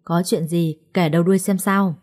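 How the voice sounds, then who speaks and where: A woman's voice: fairly low pitch, steady tone, moderate pace, a little mellow, natural voice. Stern old mother-in-law, voiced by a woman narrator. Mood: scolding. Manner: scolding, harsh commands.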